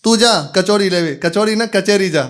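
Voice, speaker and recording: A man's voice: sits high, normal speed, fairly bright tone, pitched above the performer's own voice. A man voicing a stubborn, half-deaf old village mother who mishears and bickers in a rustic Braj accent. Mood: scolding mishearing.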